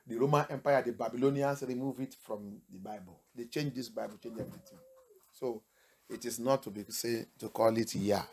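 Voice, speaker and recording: In this sermon, a male pastor alternates English and French, hurls rhetorical questions at the congregation and builds up to shouting. His voice is mid-range and his pace moderate.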